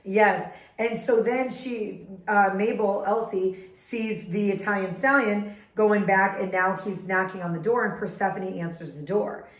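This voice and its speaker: A woman co-hosting a podcast in a casual book chat. She is giggly and animated and talks in quick bursts. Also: mid-range voice, roomy sound, poor audio. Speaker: podcast co-host.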